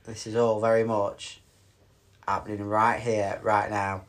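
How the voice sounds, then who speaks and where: Jokey middle-aged dad. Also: male voice, lowish voice, level tone, measured pace. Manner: jokey, teasing, playfully mock-stern. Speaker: podcast co-host. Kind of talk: casual chat.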